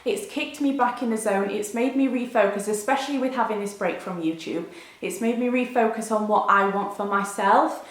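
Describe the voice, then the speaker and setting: A woman's voice: medium pitch, moderate pace. A woman, giving a candid, chatty update to viewers in a confiding, informal way. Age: 20s. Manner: confiding, informal, frequent 'like'. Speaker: video blogger. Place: bedroom, indoors. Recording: roomy indoor echo.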